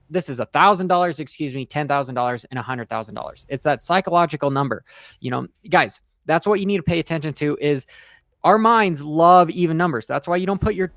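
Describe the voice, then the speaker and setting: A man's voice: on the high side, a bit bright, no echo, clean studio sound. A man giving casual livestream trading commentary, emphatic and repetitive with frequent check-ins, speaking with half his face numb from the dentist. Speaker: crypto trading streamer.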